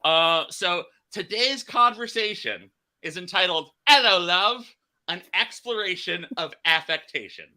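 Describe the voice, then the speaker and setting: A man's voice: high voice, measured pace, bright, forceful tone. A man hosting a casual podcast chat, rambling and restarting his phrases. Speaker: podcast host.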